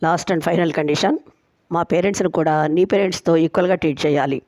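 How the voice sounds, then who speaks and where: A woman storyteller voicing a bossy, sharp-tongued young woman who sets firm terms for her marriage. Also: sits low, fairly even intonation, moderate pace, no room sound, clean studio sound. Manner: firm, teasing, laying down conditions.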